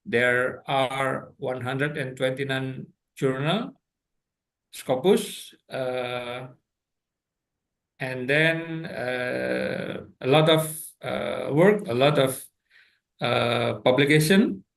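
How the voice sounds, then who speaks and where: A man with an Indonesian accent introducing a speaker at a conference, reading slowly with many fillers and throat clears. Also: medium pitch, rough recording. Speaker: conference moderator.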